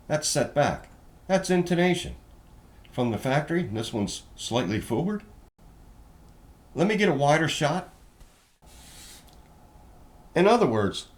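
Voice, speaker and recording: A man casually walking through a guitar inspection in a plainspoken, folksy way, explaining each check step by step. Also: medium pitch. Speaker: guitar reviewer. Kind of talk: casual hands-on product walkthrough.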